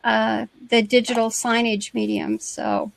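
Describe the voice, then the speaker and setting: A woman's voice: a little high, steady tone, measured pace, gravelly, slight background noise. A woman with a background in crowdfunding and venture capital, speaking hesitantly with many fillers on a video call. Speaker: crowdfunding consultant. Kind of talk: casual video-call chat.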